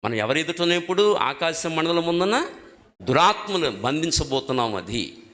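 A man's voice: on the high side, very animated, normal speed, a bit bright. A male preacher giving a sermon, emphatic, putting questions to the congregation and repeating key words. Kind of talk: sermon teaching on prayer. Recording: long hall reverb.

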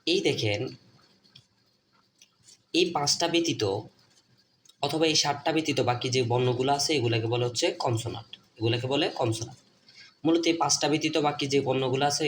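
A man's voice: mid-range voice, a little hiss or hum. Bangladeshi man teaching at a board. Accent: Bangladeshi Bengali. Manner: repeats points, asks and answers his own questions.

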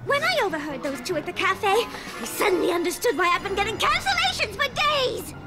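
A woman's voice: extremely high pitch, big pitch swings, brisk, exaggerated voice. A woman voicing exasperated, dramatic female cartoon ponies in a theatrical, emphatic manner. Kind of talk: animated cartoon acting. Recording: cartoon soundtrack with loud music behind.

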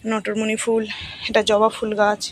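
A woman chatting slowly to viewers in a casual home vlog, a bit tired and unwell, filming on her phone as she walks around. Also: fairly high pitch, completely flat delivery. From India. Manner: soft, slow-paced, tells viewers what she does. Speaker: vlogger. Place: home and garden.

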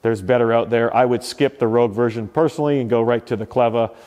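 Fast-talking and mellow, a man with a mid-range, fairly even voice walks through his garage gym, casually describing the equipment. He uses loose fillers and corrects himself, and the audio sounds like a large hall.

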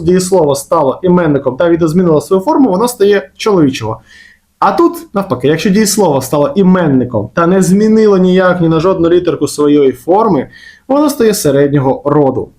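A man with a Ukrainian accent teaching German grammar in a casual explanatory lesson, slowing down to stretch out example words. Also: a little high.

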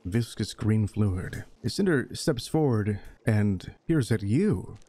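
A man narrating a tabletop game as game master, descriptive and brisk. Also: on the low side, lively intonation, dark tone.

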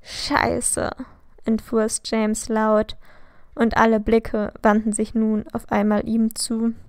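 A woman reading a fan fiction story aloud in a slow, dramatic storybook narration. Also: a little high, monotone, darkish tone, clear, resonant tone, no echo, clean studio sound.

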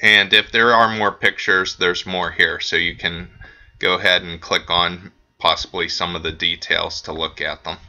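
A man from an auction house giving a casual screen-recorded walkthrough of the company's bidding website, relaxed and dotted with ums and uhs. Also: low voice, normal speed.

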